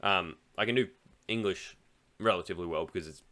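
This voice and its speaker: A deep-voiced Australian man speaks a little quickly with a sharp tone. He's a chess streamer chatting casually during an online game, rambling, thinking aloud and laughing often.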